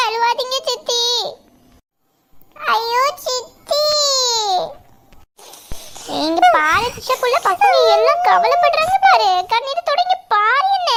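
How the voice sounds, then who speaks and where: Someone doing a high, bright cartoon aunt. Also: a little hiss or hum, exaggerated voice. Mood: tearful. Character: kind young aunt caring for children. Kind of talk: cartoon voice acting.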